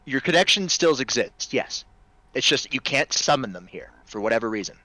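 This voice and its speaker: A man's voice: mid-range voice, lively intonation, moderate pace, bright, forceful tone, no room sound, poor audio. A man casually narrating a tabletop role-playing game as its game master.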